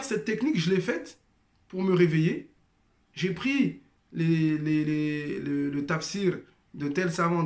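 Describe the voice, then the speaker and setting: A former member, not a native Arabic speaker, delivers a testimony monologue to those he calls brothers and sisters. He's hesitant, full of fillers and restarts. His voice sits on the high side, and the sound is roomy.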